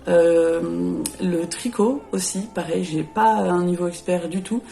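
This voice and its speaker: Faint music plays behind a woman's fairly low, gravelly, dark voice as she speaks slowly in a casual vlog. In her late thirties, she's presenting herself and her YouTube channel, hesitating often with fillers and correcting herself.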